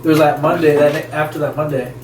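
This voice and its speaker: A man's voice: on the high side, steady tone, fast. A man co-hosting a podcast, chiming in with laid-back corrections in casual chat. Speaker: podcast co-host. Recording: echoey room, mic at a distance, faint noise.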